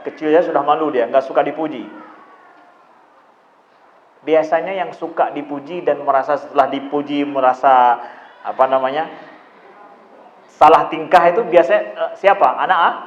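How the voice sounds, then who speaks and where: A male preacher with a lilt lectures on parenting in a fairly high voice, circling back over his points and putting questions to his listeners. The sound is roomy and a bit dull, like a lecture recorded across a room. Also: moderate pace, pauses often, a little hiss or hum. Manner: repetitive, conversational, asks the audience rhetorical questions.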